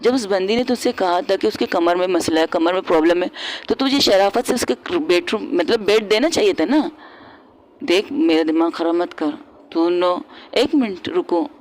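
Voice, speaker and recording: A woman voicing Lucky, a blunt, bossy young woman who scolds in a rough, streetwise way. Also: on the low side, moderate pace, darkish tone, close to an everyday voice. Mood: scolding. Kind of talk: read-aloud story role.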